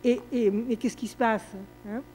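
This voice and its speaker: An older woman lecturer answering a question in a conference, talking in a digressive, lively way with many fillers and restarts. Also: a little high, moderate pace, a little hiss or hum, rough recording.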